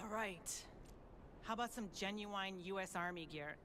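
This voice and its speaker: An actress playing a gruff, defiant ex-army woman in a zombie video game, blunt, sardonic and commanding. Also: mid-range voice, measured pace, a crowd in the background, close to an everyday voice. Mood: grudging, businesslike. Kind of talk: scripted video game acting. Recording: faint background noise.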